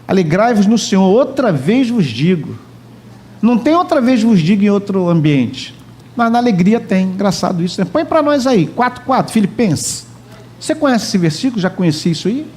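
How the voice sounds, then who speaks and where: A man's voice: high voice, very animated, normal speed, darkish tone. A man preaching a sermon as pastor in a church, joking and chatting with the congregation. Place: church hall.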